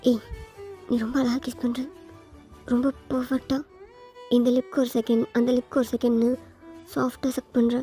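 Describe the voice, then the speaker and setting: A woman voicing a tender young man who speaks in a hushed, intimate tone, in whispered role-play. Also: on the high side, flat delivery, moderate pace, long pauses, soft background music, lightly acted. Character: tender young man, softly coaxing lover.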